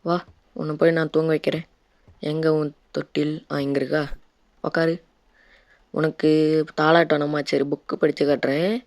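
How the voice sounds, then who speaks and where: A man's voice: a little high, little pitch movement, normal speed, vocal fry, long pauses, no echo. A Tamil-accented man narrating his gameplay in a loose, chatty way. He keeps up a running commentary and playfully scolds the character on screen. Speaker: gaming YouTuber. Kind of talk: casual let's-play commentary.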